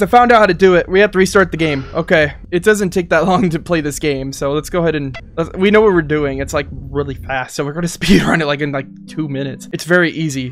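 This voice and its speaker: Higher-pitched young man doing jittery gaming commentary. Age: young adult. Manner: jittery, exclamatory, thinking aloud. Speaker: gaming video host. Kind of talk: casual let's-play commentary. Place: small indoor gaming setup.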